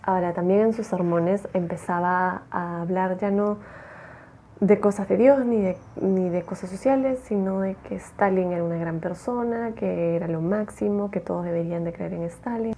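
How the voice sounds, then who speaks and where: A woman telling a true-crime story in a chatty, expressive way, acting out the quotes. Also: on the low side, normal speed, a little hiss or hum.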